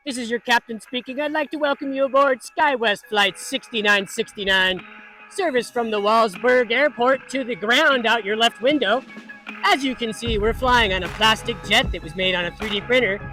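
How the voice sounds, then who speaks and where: A man's voice: extremely high pitch, bright, forceful tone, voice pushed up, heavily acted, poor audio. A man playing an airline captain making a cockpit announcement to passengers, in a mock-formal, tongue-in-cheek announcer delivery, outdoors at a model airfield. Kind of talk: joking roleplay in a hobby vlog.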